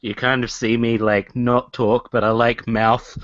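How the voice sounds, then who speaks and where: A man describes his character's moves in a tabletop role-playing game, talking slowly and rambling through fillers. The recording is dry and dull, with no room sound. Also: mid-range voice, flat delivery, fairly bright tone, no echo. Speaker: player.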